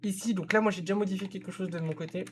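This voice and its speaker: A man's voice: high voice, steady tone, rapid-fire, slight background noise. Chatty man giving game-building tips. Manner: chatty, gives advice directly to the viewer, self-correcting. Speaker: game content creator reviewing a viewer's zoo. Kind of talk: casual gameplay commentary.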